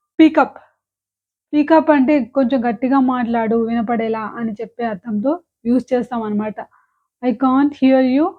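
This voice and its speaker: A woman teaching English phrasal verbs, explaining quickly and then saying each example sentence slowly and deliberately. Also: on the high side. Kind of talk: language lesson. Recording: tinny phone-like sound.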